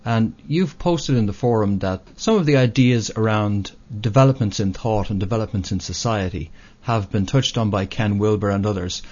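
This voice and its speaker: A man moderating a panel discussion, inviting each speaker in turn with measured prompts. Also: lowish voice, a little mellow. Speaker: discussion host. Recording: dull lo-fi audio.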